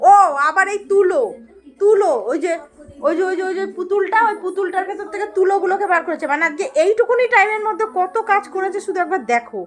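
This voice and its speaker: A woman vlogger chatting casually to the camera about her pet, animated and playfully scolding, repeating herself. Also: extremely high pitch, fast.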